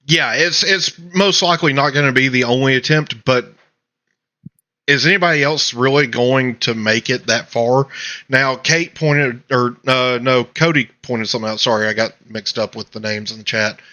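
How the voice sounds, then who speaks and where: A man's voice: medium pitch, normal speed, pushed and bright. Emphatic ranting male podcast host. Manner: emphatic, ranting, trailing restarts. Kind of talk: casual political commentary.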